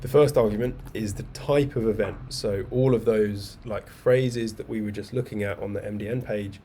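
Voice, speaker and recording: A man with a lowish, mellow voice gives a live coding lesson over a video call from home. He explains step by step in a relaxed, chatty way, with a faint hiss of noise behind him. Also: normal speed. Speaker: coding bootcamp instructor. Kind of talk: live online coding lecture. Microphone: webcam video call mic.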